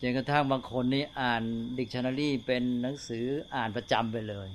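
An older male Buddhist monk giving a slow, unhurried talk to fellow monks, often checking in with tag questions. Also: medium pitch, steady tone, a little hiss or hum.

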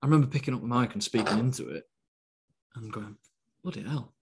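A man co-hosting a podcast, talking in a steady, not very animated way and hesitating with fillers. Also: medium pitch, fast, breathy edge. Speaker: podcast co-host. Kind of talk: casual podcast chat.

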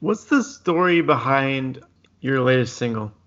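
A man's voice: medium pitch, expressive, a little slow, a bit bright, highs cut off. A man hosting a podcast, asking questions over a video call, hesitant with many restarts and fillers. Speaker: podcast host.

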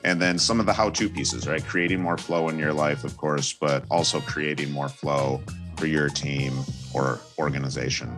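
Deep-voiced man hosting over music. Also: fairly even intonation, moderate pace. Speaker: podcast host. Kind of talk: casual chat.

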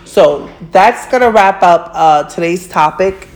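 A woman's voice: fairly low pitch, animated, a little slow, a little mellow. Blunt, preachy woman giving breakup advice. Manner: blunt, preachy, swears freely, laughs at herself. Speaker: vlogger giving relationship advice. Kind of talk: casual advice monologue.

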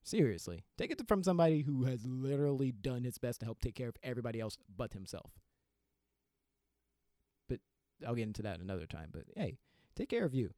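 A young man hosting his own podcast, ranting with big laughing outbursts and quiet sincere asides into a close mic. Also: medium pitch, expressive, fairly quick, no echo. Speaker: podcast host. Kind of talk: solo podcast rant.

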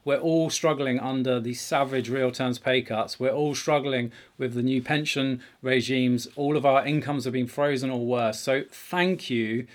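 Male podcast presenter, middle-aged, mid-range pitch, earnest and emphatic, recorded conversationally in a garage. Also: steady tone, unhurried, few pauses. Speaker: podcast host. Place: home garage.

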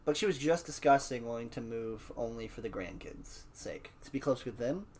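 A young man in casual podcast chat, telling stories in an animated, swearing, trailing-off way. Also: medium pitch, moderate pace.

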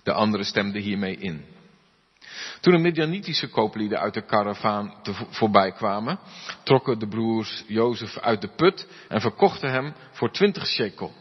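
A man, a pastor, reading Scripture aloud and then preaching, giving the characters' lines an expressive voice. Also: fairly low pitch, moderate pace, slightly rough. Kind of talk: Bible reading and sermon. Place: church hall. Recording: dull, reverberant church recording.

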